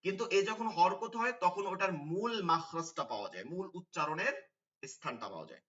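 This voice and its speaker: A man teaching an online Quran pronunciation class, spelling out Arabic letters slowly and drawing out each sound. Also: high voice, big pitch swings, fairly bright tone, recorded from a distance, highs cut off.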